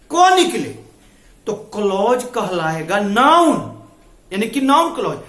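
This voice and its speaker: Man teaching grammar, very high voice, lively pitch, repeats key terms. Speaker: English teacher. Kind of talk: classroom grammar lesson. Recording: echoey room.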